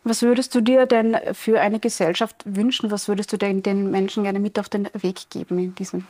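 A woman's voice: mid-range voice, fairly even intonation, normal speed, warm tone. A woman hosting a TV interview, asking questions in a friendly, conversational way. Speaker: TV host. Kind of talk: broadcast interview.

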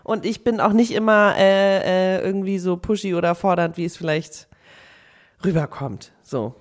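A woman's voice: fairly low pitch, moderate pace. A young woman co-hosting a podcast, chatting casually and reading out listener letters, with frequent fillers. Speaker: podcast co-host.

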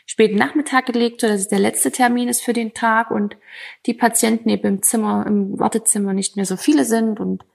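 Woman with a slightly high, gravelly voice, telling a detailed story on a voice memo. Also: steady tone, brisk, a little mellow. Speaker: mother of a young son. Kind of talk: casual voice message.

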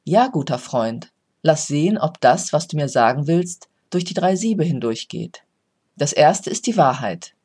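A coach reading a parable, voicing a calm, wise old male philosopher who speaks slowly and gently instructs. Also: mid-range voice, breathy edge. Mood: calm, admonishing. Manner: slow, measured, gently instructive. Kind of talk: storytelling.

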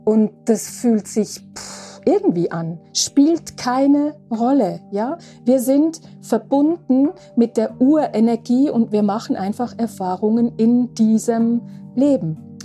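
A woman nearing sixty speaks in a slightly raised, very mellow voice. She talks unhurriedly through a reflective spiritual monologue, often pausing to ask "ja?", with faint guitar music behind her. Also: a little high. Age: 50s. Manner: slow, reflective, with frequent asking "ja?". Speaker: podcast host.

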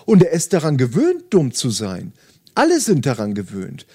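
A man reading aloud as a simple-minded, gentle old man in his sixties who earnestly speaks of himself in the third person. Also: mid-range voice, huge pitch swings, moderate pace, breathy edge, pitched below the performer's own voice, full character voice. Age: 60s.

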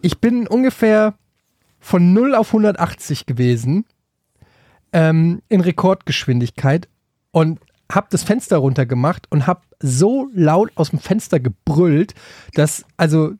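A man's voice: on the high side, lively intonation, measured pace, warm tone, no room sound, studio quality. Rambling, agitated man telling a story. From Frankfurt, Germany. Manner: rambling, with many restarts and hesitations, getting worked up as the story builds. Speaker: podcast co-host. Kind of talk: casual storytelling chat.

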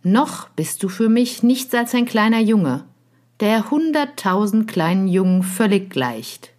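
A woman voicing a gentle, wistful male fox in a storybook reading, talking in an earnest, pleading manner. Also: mid-range voice.

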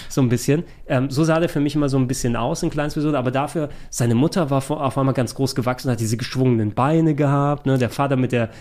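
Brief: enthusiastic podcast host, quick, mellow tone. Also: male voice, medium pitch. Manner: enthusiastic, rambling. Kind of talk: casual chat.

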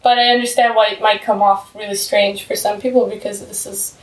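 A woman's voice: medium pitch, level tone, a little fast, recorded from a distance. A woman co-hosting a casual podcast chat, speaking in an earnest, reflective way. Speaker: podcast co-host. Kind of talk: casual round-table chat. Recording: roomy sound, a little off-mic.

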